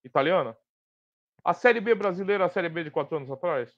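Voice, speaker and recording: A Brazilian man speaks in a high voice with a slight lisp. He hosts a live discussion off the cuff, stressing and repeating key phrases as he works through his point. The sound is dry and a bit dull, like a lo-fi stream. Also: expressive, fast talker, no echo. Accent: Brazilian Portuguese. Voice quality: slight tongue-tied lisp. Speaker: host of a live sports betting talk stream. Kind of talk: unscripted live commentary and discussion.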